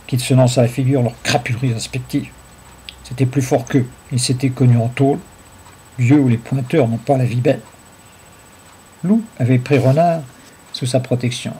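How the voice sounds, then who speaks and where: Mellow-voiced male story narrator. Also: mid-range voice, a little hiss or hum. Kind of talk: audiobook narration of a short story.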